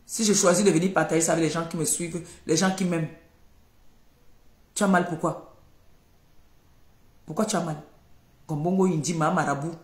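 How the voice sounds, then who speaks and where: A woman's voice: medium pitch, a bit bright. An older woman, ranting on a live stream, scolding and accusing and repeating her points. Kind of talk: heated live-stream rant. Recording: echoey room.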